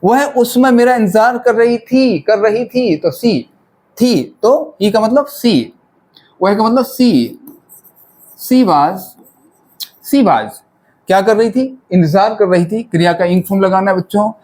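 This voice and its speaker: A man's voice: high-pitched, lively intonation, takes it slowly, darkish tone. A male grammar teacher, giving a classroom-style lesson. He repeats each phrase and keeps quizzing his pupils as children.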